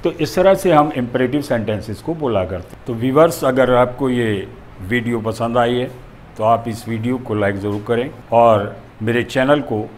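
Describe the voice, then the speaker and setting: Man, teacher, grammar lesson, methodical, repeats examples, mid pitch. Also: moderate pace, a little hiss or hum.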